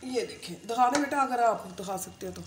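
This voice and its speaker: Middle-aged mom cook, fairly high voice, homely and affirming, kitchen sizzle behind her. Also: brisk, slight background noise. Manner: homely, affirming, says "haan ji" often. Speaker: home cook, host's mother. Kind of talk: casual cooking chat. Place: home kitchen. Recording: home kitchen with clear sizzling. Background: frying and stirring in a pot.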